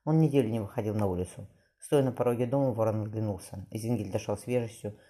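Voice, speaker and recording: Male audiobook narrator, fast, very dark tone, occasional restarts. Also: lowish voice. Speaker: audiobook reader.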